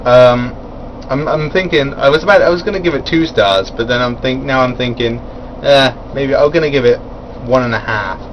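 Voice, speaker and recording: A wrestling reviewer rambles casually through an event, full of ums, restarts and little chuckles at his own asides, in an ordinary mid-pitched male voice. He talks at a normal speed with few pauses. The recording is muffled, with faint air-conditioning hum beneath.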